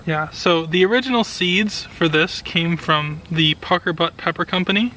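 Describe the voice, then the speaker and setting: A man speaks in a bright, slightly raised voice. He narrates what his hands are doing in a casual, enthusiastic vlog style. There is light noise in the background. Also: a little high, normal speed, poor audio. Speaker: vlogger, home gardener.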